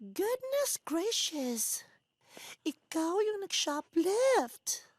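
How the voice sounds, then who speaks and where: A woman's voice: very high voice, very animated, extremely slow, exaggerated voice. A woman playing a shocked, over-the-top dramatic woman accusing someone of shoplifting. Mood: scandalized. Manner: over-the-top, mixes English exclamations.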